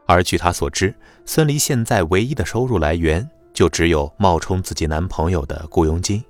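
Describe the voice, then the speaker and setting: A man narrating a web novel audiobook in a lively, dramatic storytelling manner. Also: sits low, normal speed, faint music behind.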